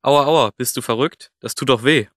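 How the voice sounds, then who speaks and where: A man voicing a cheeky, self-assured talking plush rabbit in a playful, lively way, for a scripted language-course radio play. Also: medium pitch, moderate pace, no echo, studio quality, natural voice.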